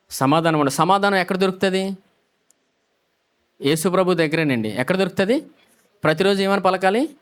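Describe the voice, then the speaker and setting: A man's voice: high voice, a bit bright. A male pastor preaching a sermon, asking the congregation questions and repeating the key phrases back.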